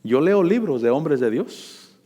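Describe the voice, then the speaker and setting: A man preaching a sermon, calling out scripture loudly, dropping to low asides and asking the congregation to repeat after him. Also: very animated, slow pace, big-room sound. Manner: fervent, swings between loud scripture reading and low asides; call-and-response with the congregation.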